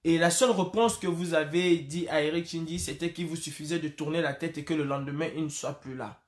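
A man, speaking to the camera in an impassioned, emphatic way. His voice sits somewhat high for a man. The room is echoey, and the camera mic is close. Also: fairly quick. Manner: impassioned, emphatic, with frequent hesitations. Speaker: political commentator. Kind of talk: direct-to-camera address. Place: indoor room against a plain wall.

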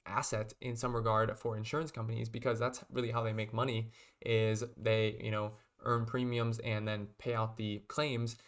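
In a fairly low voice, a young man in his twenties casually walks his webcam audience through investing lessons from a small room. He speaks steadily as an investing video host, frequently dropping in "um" and "kind of."

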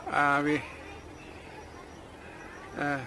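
Slow halting gravelly-voiced man outdoors. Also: a little high, monotone, sharp tone, a little hiss or hum. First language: not English. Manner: halting non-native English with many pauses and uh's. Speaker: farm vlogger. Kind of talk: casual vlog narration. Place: outdoors on a tropical farm building site. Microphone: handheld camera selfie and tripod camera.

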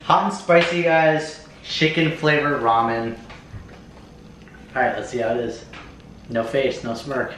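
A man's voice: mid-range voice, steady tone, a little slow, long pauses, a bit bright, a little hiss or hum. A young American man chatting casually to camera as host of a challenge video, slangy and prone to swearing. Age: young adult. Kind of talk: casual vlog chat to camera. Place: home kitchen, indoors. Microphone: camera mic a few feet away. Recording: echoey kitchen, faint music behind.

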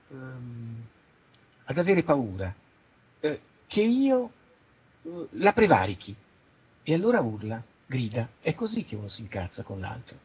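Animated husky middle-aged man. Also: mid-range voice, low-quality recording. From Italy. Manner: animated, frank, acts out little dialogues. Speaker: interviewed researcher. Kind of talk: radio interview, casual monologue.

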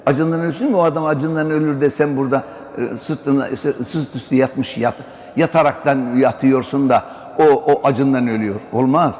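A man's voice: mid-range voice, moderate pace, a little mellow. An older man giving an exhortative religious talk, often calling his listeners brother. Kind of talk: religious sermon-style talk. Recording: long hall reverb, faint background noise.

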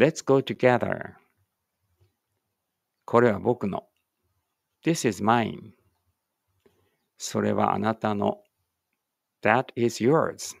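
A male English teacher reads short phrase pairs aloud, each Japanese line followed by its English version, at a very slow, careful pace. His voice has a gravelly texture and sits in an ordinary middle pitch. The recording is close and dry. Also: no room sound.

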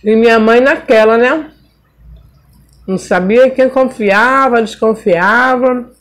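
Animated Brazilian woman telling a story. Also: a little high, slow. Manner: animated, acts out voices of people in her story. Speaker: mukbang vlogger. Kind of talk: casual storytelling while eating.

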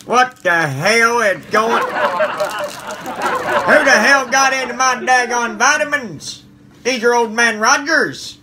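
In a very high-pitched voice, a man slowly plays a cranky, folksy old man who stammers and grumbles, muttering mild curses at his viewers in a comedic character monologue. The recording is very noisy.

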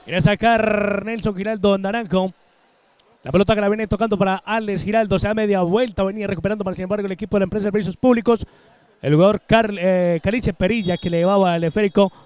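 A man giving live match commentary as play-by-play announcer, in excited breakneck goal-commentary style with drawn-out shouts. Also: high voice, smooth, dry recording.

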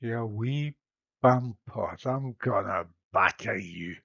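A man voicing a jealous, brawling king with a put-on Scottish accent, gruff and threatening. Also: on the low side, takes it slowly, a bit bright, no room sound, full character voice. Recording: slightly muffled dry recording.

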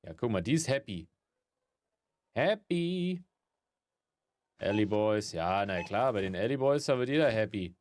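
A man's voice: lowish voice, lively intonation, fairly quick, few pauses, a little mellow, no room sound. A man giving casual gameplay commentary, grumbling and swearing, with mock-polite greetings to customers. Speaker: gaming let's player.

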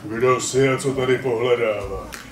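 A man voicing a gruff, bossy male ram in a live puppet show. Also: mid-range voice, fairly even intonation, a crowd in the background, pitched below the performer's own voice, natural voice. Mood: mocking. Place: family centre playroom, live puppet show. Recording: echoey room from far off, audience.

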